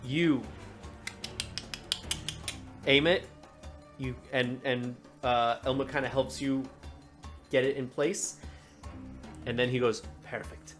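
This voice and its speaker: A man's voice: mid-range voice, fairly even intonation, takes it slowly, pauses often, over music. A man running a tabletop game as game master, narrating in a loose, chatty way. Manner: loose and chatty, fumbles with tools mid-scene.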